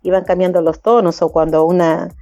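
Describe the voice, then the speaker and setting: Passionate woman organizer, mellow voice. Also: lowish voice, fairly even intonation, brisk, no room sound, muffled recording, faint music behind. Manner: passionate, acts out others' voices with laughter. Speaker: migrant community organizer, guest. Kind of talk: animated interview talk.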